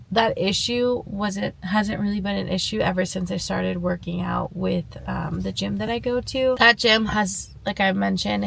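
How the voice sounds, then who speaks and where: Creaky-voiced young woman chatting to a vlog. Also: mid-range voice, fairly bright tone. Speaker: running vlogger. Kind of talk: casual vlog talk.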